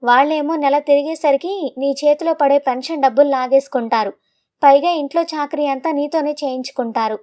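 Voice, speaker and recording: A woman's voice: high voice, a little fast, darkish tone, natural voice. A woman voicing a devoted grown elder son who pleads with a trembling voice. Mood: grieving.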